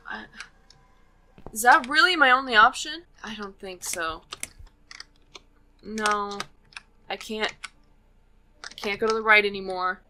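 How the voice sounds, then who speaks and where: A woman hosting a let's play, giving playful, chatty gameplay commentary that drops to low mutters while she puzzles things out. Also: unhurried, pauses often, pushed and bright, a little hiss or hum. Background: game music.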